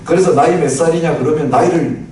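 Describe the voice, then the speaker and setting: A man's voice: on the high side, fast talker, darkish tone. A man in his sixties preaching a chatty sermon, often asking the congregation questions, recorded from a distance in a church hall. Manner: chatty, asks the congregation, recites lyrics with laughter. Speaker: pastor. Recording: very echoey hall, distant mic, noisy.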